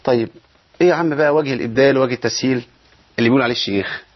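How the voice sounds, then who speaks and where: A man with an Egyptian accent teaches Quran reading in an online lesson, talking fast in a husky, fairly high voice. He breaks the rules down step by step and answers his own questions. The recording sounds dull and lo-fi. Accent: Egyptian Arabic. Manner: explains step by step, asks questions and answers them himself; recites verses slowly.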